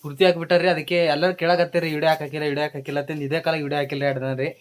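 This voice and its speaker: A woman's voice: sits low, flat delivery, rapid-fire. A woman with a North Karnataka Kannada accent chatting to viewers in a casual home vlog, repeating her phrases. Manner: chatty, repeats phrases, ends sentences with a polite address word. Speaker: family vlogger.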